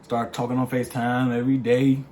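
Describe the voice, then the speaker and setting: A young man casually telling the story of how he met his partner, in a playful, slangy, animated way. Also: mid-range voice, a little fast, a little hiss or hum. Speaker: vlog co-host.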